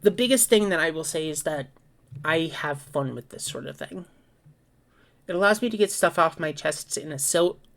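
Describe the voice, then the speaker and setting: A woman vlogger chatting casually on her own and telling a story, rambling and informal, correcting herself as she goes. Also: sits low. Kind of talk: casual solo chat and storytelling.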